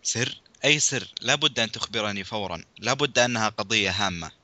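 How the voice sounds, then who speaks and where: A man reading aloud a children's mystery, voicing a gruff, suspicious, short-tempered police sergeant. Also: on the low side, bright, forceful tone, dry recording. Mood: demanding. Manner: barking, suspicious, quick to anger. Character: gruff bossy middle-aged police sergeant uncle.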